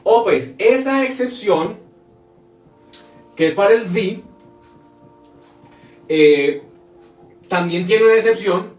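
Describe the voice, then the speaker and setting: A man's voice: a little high, distant mic. A man teaching a live online English grammar class, repeating example words over and over as he explains. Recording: echoey room, off-mic, faint music.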